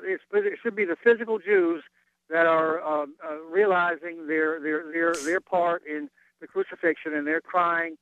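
A man calls in to a radio program, his voice squeezed through a narrow, tinny phone line. He sits a little higher than most men in pitch. He talks haltingly and stops often to search for his words, and the call sounds dry with no room around it. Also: clean tone, no room sound. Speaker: radio show caller. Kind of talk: call-in question to a Bible talk show. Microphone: telephone.

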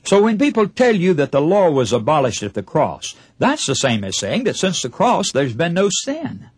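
A man's voice: fairly high pitch, wildly swooping pitch, normal speed, slightly rough, no room sound. A man preaching a broadcast Bible sermon, emphatic and putting rhetorical questions to his listeners. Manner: acts out short imagined dialogues. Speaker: radio preacher.

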